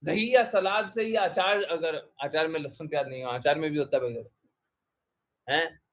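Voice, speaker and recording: A man's voice: fairly high pitch, normal speed, a bit bright. A man giving a devotional discourse, exhorting his listeners with repeated short commands and questions. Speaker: spiritual teacher.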